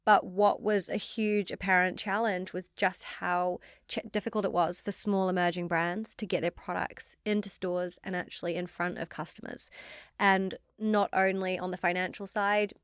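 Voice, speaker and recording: A young woman from New Zealand with a New Zealand accent, chatting as an interview guest about her career in a quick, self-deprecating way. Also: fairly low pitch, little pitch movement, clear, resonant tone, no room sound, clean studio sound. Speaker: guest, fashion founder. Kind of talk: casual interview storytelling.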